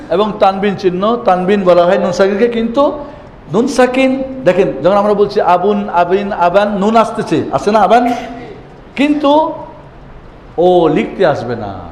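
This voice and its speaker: A man's voice: sits high, a little hiss or hum. A man teaching Quran reading as a classroom lesson, who asks his own questions and answers them and repeats the key words. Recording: echoey hall with faint ambience.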